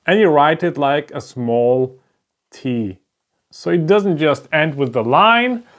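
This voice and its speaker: His voice is a little high and a bit bright, expressive, and he takes it slowly. The man is a Hebrew teacher and a native German speaker with a German accent, giving a slow explanatory lesson at a board and patiently checking in with "right?" at each step.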